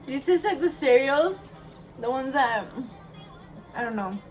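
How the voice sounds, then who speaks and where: A woman's voice: high voice, expressive, measured pace. Young woman swearing freely over snacks. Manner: swears often, loud exclamations. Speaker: snack taster. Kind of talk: casual chat with friends. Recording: background music.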